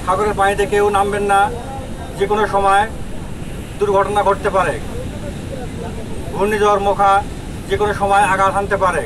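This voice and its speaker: A man giving an official public warning announcement over a loudspeaker, heard from a distance on an outdoor beach, in a steady, formal delivery. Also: high-pitched, moderate pace, long pauses, noisy background. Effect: public loudspeaker announcement heard from afar.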